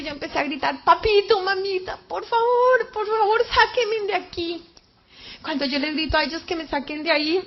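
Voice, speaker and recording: A middle-aged woman giving an impassioned religious testimony, acting out voices and cries. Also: high voice. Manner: dramatic, acts out her mother's and her own cries. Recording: dull lo-fi recording.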